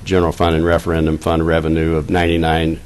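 At a public board meeting, a school district finance officer in his fifties sits at a dais and presents the budget into a desk microphone. He halts and repeats words while reading the figures, in a monotone bass voice with a darkish tone.

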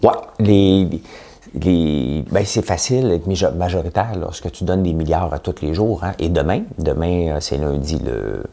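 Gravelly, deep Québécois man. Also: moderate pace, dark tone. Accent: Québécois French. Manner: chatty, sarcastic, mimics voices. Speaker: podcast host. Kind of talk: casual opinion monologue.

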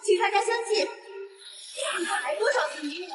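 A woman voicing a city emergency announcer who gives formal, urgent orders over an outdoor loudspeaker. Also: very high voice, lively intonation, normal speed, loud music behind the voice. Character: female city alarm announcer, calm and commanding. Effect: outdoor loudspeaker broadcast. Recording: echoey loudspeaker heard from far off, noisy.

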